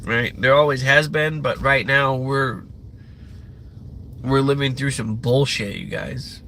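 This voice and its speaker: A young livestream host rants in a loose, meandering way, swearing and packing in fillers. His mid-range voice is slow and sharp, with slight background noise.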